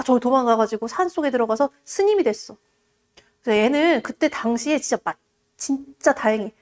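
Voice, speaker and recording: A woman teaching Korean literature in an exam-prep lecture, retelling a classic tale in a lively, casual way. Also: high-pitched.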